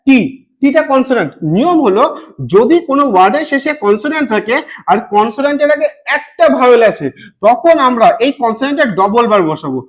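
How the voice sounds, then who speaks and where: Male English teacher, high voice, animated pitch, spells words out, repeats each rule. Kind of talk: exam-prep grammar lesson.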